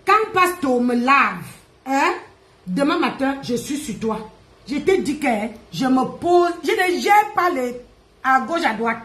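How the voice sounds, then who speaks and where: A woman, ranting and mocking on a live stream, loud, laughing and teasing. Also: sits high, expressive, a little slow. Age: 50s. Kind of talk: Facebook live rant. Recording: echoey room.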